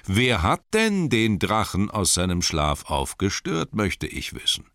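A man voicing a sly, pompous older town mayor who makes loud, ringing speeches in an audiobook reading. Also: lowish voice, very animated, measured pace, no echo, studio quality, voice pushed up. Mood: indignant.

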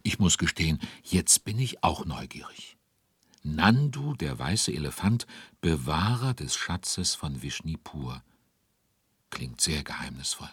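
A man narrating a children's audio drama. His voice is low and heavily raspy. The sound is dry, with no room echo. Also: sing-song, unhurried. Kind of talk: scripted narration.

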